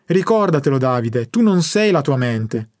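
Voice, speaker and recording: A man reading the lines of an elderly grandfather in an audiobook, in a low, controlled, almost monotone voice. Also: moderate pace, no echo, clean studio sound, close to an everyday voice. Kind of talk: audiobook narration.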